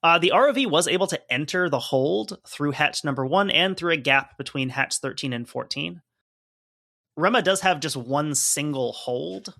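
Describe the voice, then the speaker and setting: A man's voice: fairly high pitch, expressive, normal speed, vocal fry, bright, forceful tone, no echo, studio quality. A man co-hosting a podcast, reading from a report and chatting casually with lots of fillers. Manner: conversational, hedging with fillers while explaining. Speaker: podcast co-host.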